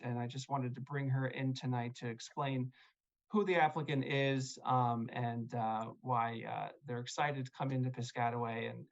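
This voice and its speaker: A gravelly, mid-range male voice belongs to the applicant's attorney at a zoning hearing held over video call. He's polite and hesitant, leaning on lots of fillers, and the call audio sounds dull and lo-fi.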